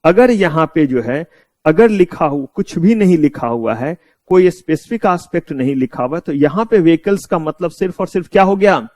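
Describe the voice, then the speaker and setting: A man's voice: fairly high pitch, lively intonation, normal speed, a little mellow, no echo. A man with an Indian accent giving a law lecture, asking his students rhetorical questions and mixing English terms into his explanations. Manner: mixes English terms into Hindi. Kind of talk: classroom lecture.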